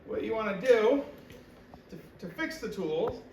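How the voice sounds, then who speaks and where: A man lecturing on chemistry and rambling through a story in a loose, casual way. His voice sits a bit high for a man and echoes around a big hall. He sounds distant from the mic, with steady noise underneath. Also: a little slow.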